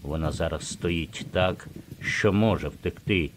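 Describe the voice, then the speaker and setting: A man reading an audiobook in the first person, in a steady, even manner. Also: sits low, slow, background noise. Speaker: audiobook narrator. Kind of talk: scripted first-person narration.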